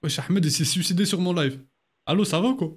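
Young streamer, twenties, playful mock-grumpy teasing, slightly high voice. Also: male voice, brisk, slightly rough. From France. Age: 20s. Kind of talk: casual live-stream chat.

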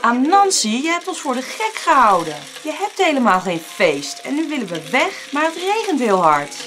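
Woman doing excitable forest animals, higher, loud, outspoken, storybook. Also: moderate pace, crowd noise. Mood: indignant. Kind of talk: storybook reading.

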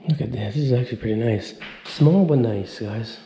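Here a vlogger in his thirties strolls through the inside of a deserted house, chatting casually with viewers as he goes. His voice sits at medium pitch with a dark tone and a normal speed. Recorded on a handheld camera mic, the audio has faint noise and echoes off the empty rooms.

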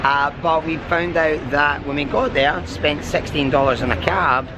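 A man's voice: on the high side, measured pace, heavy background noise. A man talking casually to his vlog viewers in an upbeat, enthusiastic way, like a cruise director.

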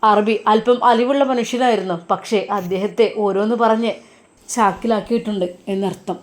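A woman's voice: mid-range voice, fairly even intonation, moderate pace. Emotive woman storyteller. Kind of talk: dramatic story narration.

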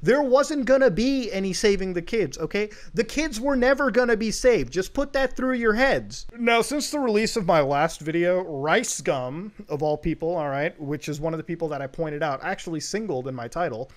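A man's voice: high-pitched, animated, moderate pace, hardly any pauses. A man narrating a commentary video in an emphatic way, driving each point home with a pointed "okay?".

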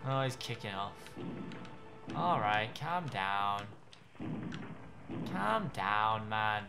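A young man giving excitable let's play commentary, gushing over and talking to the animals in his game. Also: lowish voice, extremely slow, gravelly, music in the background. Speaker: gaming YouTuber.

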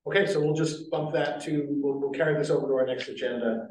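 A fast-talking man with a fairly high, steady, darkish voice leads a city zoning board meeting, meandering through fillers and false starts. The sound is echoey, recorded from a distant mic in the meeting room.

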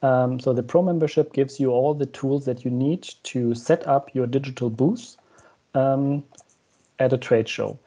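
A young man guesting on a video call explains his company's platform step by step, pausing often on "um." His voice is gravelly and husky, with a dark, mellow tone. He speaks through an earphone mic from a room at home. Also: mid-range voice. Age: young adult. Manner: explanatory, with frequent "um" fillers. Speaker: guest, co-founder of the company discussed. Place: room at home with shelves, indoors. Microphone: wired earphone headset mic.

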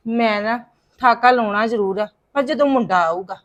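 A woman's voice: fairly high pitch, normal speed. A woman acting an indignant mother in a family drama. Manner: indignant, protesting. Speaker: actor in a family skit. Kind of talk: scripted Punjabi family drama.

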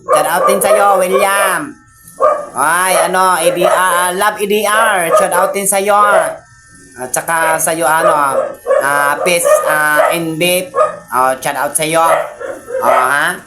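A woman vlogger, chatting casually and teasingly while giving shout-outs to viewers. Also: on the low side, steady tone, slow pace, very noisy. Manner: chatty, teasing, giggly asides.

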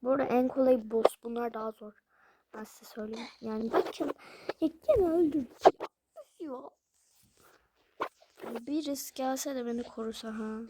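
A young woman with a hoarse voice, commenting casually on her game play and complaining aloud to viewers whenever things go wrong. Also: on the high side, fairly even intonation, moderate pace, long pauses, heavy background noise. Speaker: gameplay video maker.

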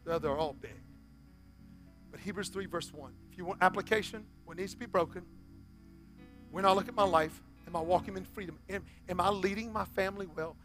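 Soft background music accompanies a fairly quick sermon from a high-voiced pastor in his forties on a church stage. He moves between loud exhortation and quiet, almost whispered pleas.

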